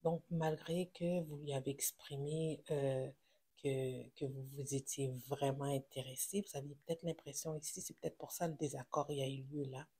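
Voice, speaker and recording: A tarot reader with a Québécois French accent gives a casual, reassuring reading to viewers. The speech is halting, with many fillers and self-corrections. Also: mid-range voice, level tone, mellow, husky.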